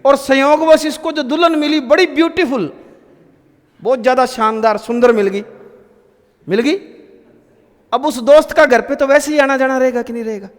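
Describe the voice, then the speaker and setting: Man, teacher, classroom grammar lesson, storytelling, high voice, reverberant room. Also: steady tone, moderate pace, pauses often. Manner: storytelling, asks pupils questions.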